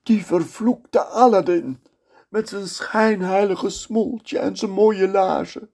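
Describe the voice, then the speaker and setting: A shrill, furious old sultan rants in a strained voice pushed far above normal speech. He bellows orders slowly and bitterly. It is a spoken storybook tale. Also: fairly even intonation, gravelly, heavily acted. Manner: high strained shouting, slow and bitter.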